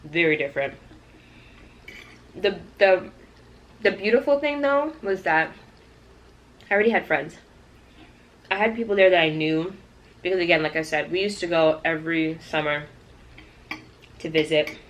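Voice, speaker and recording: A woman's voice: lowish voice, normal speed, pauses often, fairly bright tone, highs cut off, slight background noise. A woman from Canada talking casually and directly to her viewers in a chatty storytime vlog. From Toronto, Canada. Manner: conversational, addressing viewers directly. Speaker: YouTube vlogger.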